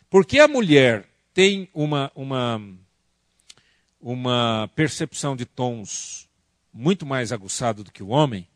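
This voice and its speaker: A man with a Brazilian Portuguese accent giving a lively church workshop talk on family, asking the audience questions and acting out family arguments. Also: mid-range voice, no echo, studio quality. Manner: animated, acts out quoted family arguments. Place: church conference hall.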